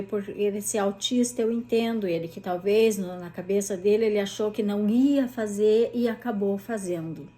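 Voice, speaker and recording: Brief: woman, vlogging mom, chatty and animated, slightly high voice. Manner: chatty, animated, many tag questions. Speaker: mother telling a personal story. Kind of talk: casual storytelling vlog.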